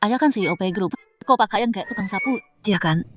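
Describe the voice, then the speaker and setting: A woman's voice: medium pitch, fairly quick, music in the background, natural voice. A woman playing a sulky, teasing grown daughter.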